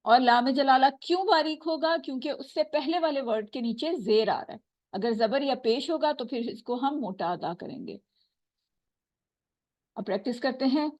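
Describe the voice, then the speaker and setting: A woman teaching Quran recitation, patiently explaining and slowly repeating sounds to demonstrate them. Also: sits high, a little mellow, no echo. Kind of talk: tajweed lesson.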